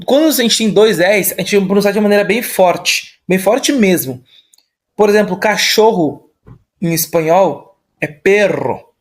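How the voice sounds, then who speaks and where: A man with a Brazilian Portuguese accent gives an online Spanish lesson, explaining things casually and frequently checking in with tag questions. His voice sits high.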